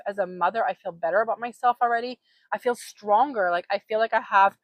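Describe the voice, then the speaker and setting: A woman's voice: medium pitch, dry recording. A woman in her forties from Poland, hosting a livestream and talking earnestly and casually straight to her viewers. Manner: chatty, earnest, addresses viewers directly. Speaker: livestream host. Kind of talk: casual motivational livestream talk. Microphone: own microphone.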